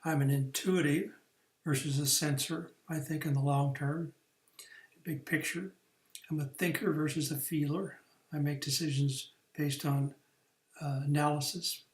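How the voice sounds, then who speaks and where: Career coach, male, slightly high voice, talking through a training lesson unscripted, with restarts, in a roomy space. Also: fairly even intonation, a little slow. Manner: explanatory, with fillers and restarts. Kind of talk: recorded online training lesson.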